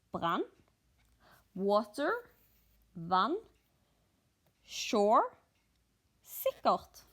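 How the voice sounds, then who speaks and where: A Norwegian woman with a Norwegian accent talks through her cross-stitching in a very slow, drawn-out way. Her voice sits a little high, and she sounds sleepy and methodical, pausing between phrases while she works. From Norway. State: sleepy, only a few hours of sleep. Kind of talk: slow stitch-along commentary.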